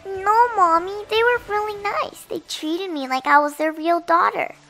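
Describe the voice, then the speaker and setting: A woman voicing a sweet, earnest young mermaid girl in an animated game story. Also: very high voice, measured pace, soft background music, exaggerated voice. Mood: earnest, pleading.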